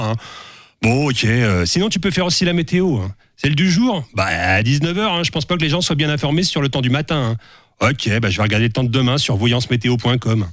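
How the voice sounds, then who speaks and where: A man's voice: medium pitch, a bit bright, no echo. A man giving a satirical, teasing editorial on a radio show in a studio. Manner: teasing, mocking. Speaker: radio columnist. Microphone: studio microphone.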